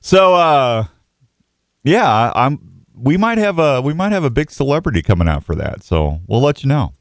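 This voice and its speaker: A man of medium pitch with big pitch swings hosts an outdoors radio show, bantering with callers casually and folksily at a moderate pace. This live sports radio chat comes from a studio, recorded dry and at studio quality on a close microphone.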